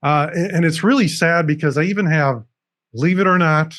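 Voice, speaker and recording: A man's voice: fairly high pitch, fairly quick, fairly bright tone. A man speaking as a guest on an interview show, earnestly explaining things step by step with frequent restarts, over a video call. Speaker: recovery coach guest. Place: room with dragon decorations behind him.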